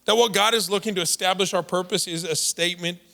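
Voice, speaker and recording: Bright high-voiced male pastor preaching. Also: fairly even intonation, quick pace, vocal fry. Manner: conversational, casual asides and repeated words. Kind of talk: sermon. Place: church service.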